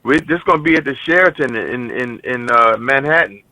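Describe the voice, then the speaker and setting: Man, guest singer, relaxed and easygoing, bright tone, dry close sound. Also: mid-range voice, a little fast, dry recording, rough recording. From Cleveland, Ohio. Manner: relaxed, easygoing, laughs often. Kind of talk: casual radio interview chat.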